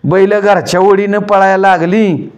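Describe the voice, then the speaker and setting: A man's voice: high voice, fairly even intonation, measured pace, clean tone, lo-fi sound. A man telling a folk story in a wry, self-mocking way, calling out to his listeners.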